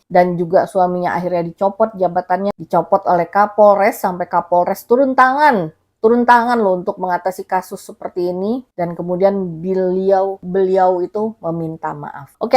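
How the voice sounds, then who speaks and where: A woman's voice: medium pitch, a little mellow. A woman vlogger giving casual, rambling spoken commentary, thinking aloud as she goes, recorded on a phone. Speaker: vlogger commenting on a viral case.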